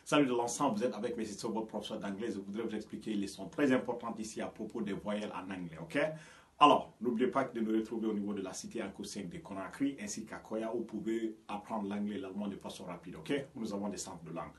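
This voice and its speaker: A man's voice: lowish voice, fairly bright tone, recorded from a distance. Man teaching a lesson in an echoey room. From Guinea. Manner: explains slowly, often checks with "ok?" and "you understand me?". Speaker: English teacher. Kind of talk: language lesson.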